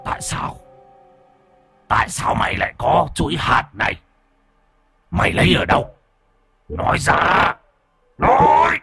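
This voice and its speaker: A man voicing a cruel, vengeful male demon in a horror story, speaking in a low, menacing drawl. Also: huge pitch swings, unhurried, gravelly, pauses often, sharp tone, breathy edge, soft background music, exaggerated voice. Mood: demanding.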